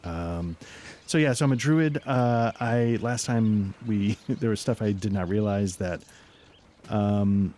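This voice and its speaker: A man with a fairly low voice talks casually as a player in a tabletop game. He describes his character haltingly, feeling his way through the backstory. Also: mellow, a little hiss or hum. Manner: hesitant, halting delivery.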